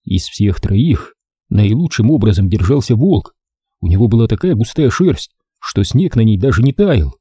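A man narrating an audiobook in an expressive, lively storytelling manner. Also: lowish voice, normal speed, husky, no echo, studio quality.

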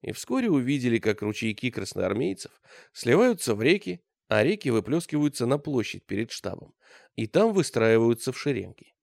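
A man reads a novel aloud in a lively, rising and falling voice. His voice is gravelly, and the sound is close and dry. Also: mid-range voice, normal speed, no echo. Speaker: audiobook narrator. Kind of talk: scripted narration.

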